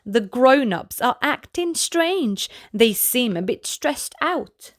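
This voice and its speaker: In a fairly high, expressive voice, a woman who hosts a storybook channel reads aloud to children very slowly and deliberately, keeping her tone gentle for young listeners. The recording is dry, with barely any room echo.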